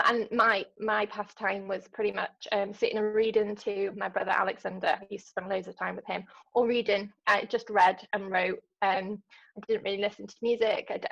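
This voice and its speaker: A woman's voice: medium pitch, flat delivery, normal speed, gravelly, lo-fi sound. A woman from London, a podcast guest talking casually and hesitantly, with lots of ums and restarts. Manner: hesitant, many ums and restarts, laughs easily. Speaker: podcast guest, ultra runner. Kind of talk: casual interview chat.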